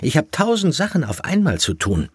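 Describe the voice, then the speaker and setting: A bustling mother hedgehog in a storybook, her voice lifted high and husky, as a man puts her on. She scolds and gives orders with a lively lilt. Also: brisk, no room sound, clean studio sound, heavily acted.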